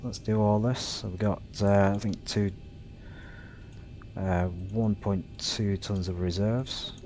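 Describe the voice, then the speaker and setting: Low-voiced man muttering through a flight sim. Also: fairly even intonation, darkish tone. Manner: halting, muttering to himself. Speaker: flight simulator streamer playing a pilot. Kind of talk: casual self-narrated gameplay with radio calls. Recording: rumbly background noise.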